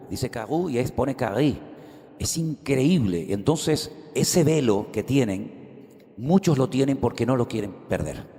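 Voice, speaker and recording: A man's voice: medium pitch, mellow. A middle-aged man preaching a sermon, telling stories animatedly and acting out the dialogue. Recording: reverberant hall.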